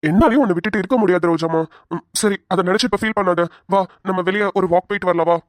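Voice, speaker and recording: A woman's voice: mid-range voice, quick pace, dry recording, clean studio sound, natural voice. A woman voicing a tender young husband who soothes his worried wife in a cartoon. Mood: soothing. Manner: gentle, pleading, calls her fondly.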